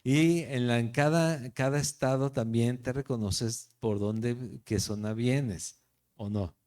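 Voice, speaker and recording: This man from Guadalajara, Jalisco, Mexico, has a mid-range, slightly mellow voice and a Mexican Spanish accent, and he speaks slowly. As a pastor, he teaches the Bible verse by verse in a conversational way, often checking in with his listeners.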